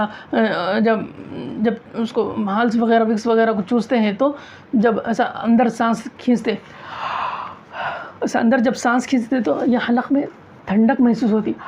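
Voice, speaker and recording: A woman's voice: a little high, slight background noise. A woman teaching a recitation class, asking questions, answering them herself and repeating key phrases. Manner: demonstrates sounds aloud, loud and drawn out. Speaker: tajweed teacher. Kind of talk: classroom lesson on Quran recitation. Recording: dull lo-fi classroom recording.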